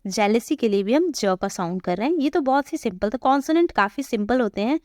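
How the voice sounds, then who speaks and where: A woman teaching an English pronunciation lesson, patiently repeating example words slowly and asking her viewers questions. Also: fairly high pitch, expressive, darkish tone, dry recording, clean studio sound.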